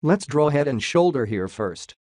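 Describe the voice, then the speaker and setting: A man's voice: fairly high pitch, big pitch swings, normal speed, darkish tone, no room sound, clean studio sound. Man talking through a robot voice filter. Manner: jokey, says "lol" aloud. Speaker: crypto chart analyst. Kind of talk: casual screen-share chart walkthrough.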